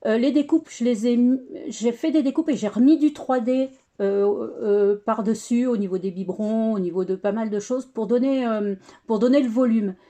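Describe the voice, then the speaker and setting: Chatty woman, hesitant and warm. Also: a little high, normal speed, hardly any pauses. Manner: hesitant, many fillers and restarts, chatty. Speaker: scrapbooking crafter showing her work. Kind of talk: casual craft tutorial.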